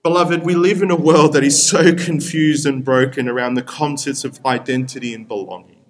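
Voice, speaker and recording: This pastor, a young Spanish-speaking man from Peru, delivers an earnest sermon built on repeated appeals. His medium-pitched voice holds a steady tone at a moderate pace.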